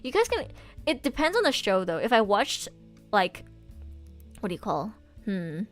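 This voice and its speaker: A woman's voice: mid-range voice, very animated, moderate pace. A young adult woman chatting casually to livestream viewers in bubbly anime-fan slang, speaking while recovering from oral surgery with stitches in her mouth. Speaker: livestreamer and voice actor. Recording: music playing behind the voice. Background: music.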